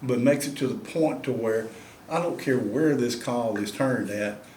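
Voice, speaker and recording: A man's voice: medium pitch, a little slow, a little mellow, echoey room, slight background noise. Folksy man demonstrating turkey calls. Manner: folksy, drawling, addresses viewers as y'all. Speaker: turkey call maker and instructor. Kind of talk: demonstration tutorial.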